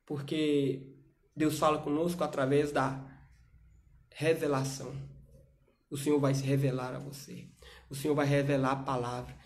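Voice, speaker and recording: A man preaching to young people in a livestream sermon, urging with loud rhetorical questions and dropping to soft asides. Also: mid-range voice, level tone, normal speed, pauses often.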